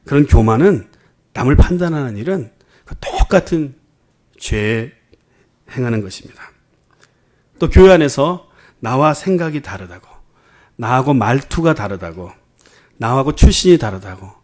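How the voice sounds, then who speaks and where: A man's voice: mid-range voice, moderate pace, pauses often. Preaching man with a Jeolla Korean lilt. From Jeonju, Korea. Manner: animated preaching, swinging from loud emphasis to near-murmured asides; mixes English words into his speech. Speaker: pastor. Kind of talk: sermon.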